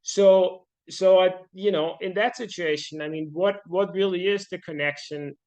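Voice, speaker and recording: A man's voice: high voice, normal speed, darkish tone. A middle-aged man from Austria, a podcast guest talking casually and thoughtfully, with many fillers and restarts. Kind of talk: casual interview talk.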